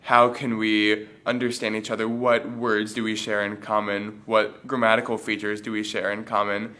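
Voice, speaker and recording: A man reflects in a steady interview voice. His tone is low yet bright and sharp, and his pitch barely moves. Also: moderate pace. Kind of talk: interview testimonial.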